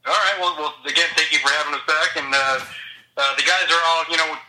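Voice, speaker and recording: A man's voice: fairly high pitch, fairly even intonation, quick pace, pushed and bright. A man calling in by phone on speaker as a guest, chatting casually and rambling with restarts. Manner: laid-back, rambling with restarts and fillers. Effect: heard through a phone on speaker. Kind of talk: casual chat. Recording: phone call played into the room.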